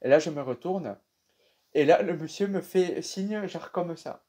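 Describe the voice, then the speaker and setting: A young man with a French accent casually telling viewers about a dream, animated and chatty with many fillers. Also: on the high side, unhurried, slightly rough. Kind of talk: casual storytelling to camera.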